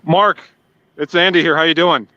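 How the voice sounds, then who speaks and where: A man's voice: on the high side, fairly even intonation, normal speed, pushed and bright, dry recording. A man interviewing a coach after a game over a clipped, lo-fi online call, asking friendly, direct questions. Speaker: sports interviewer.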